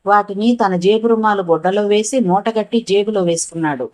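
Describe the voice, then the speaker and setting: A woman's voice: medium pitch, brisk, a little mellow, rough recording. Woman narrating a novel.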